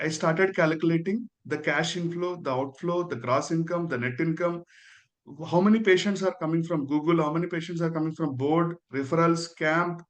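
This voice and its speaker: A high-pitched male voice with an Indian accent gives an earnest testimonial. He is respectful and deferential, frequently tagging "sir" onto the ends of his phrases. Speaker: dentist, guest giving a testimonial.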